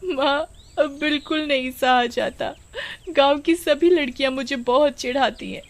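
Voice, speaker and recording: Casting: a timid, tearful young village girl, put on by a woman, storybook, high voice. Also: moderate pace, lightly acted. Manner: stammering, pleading.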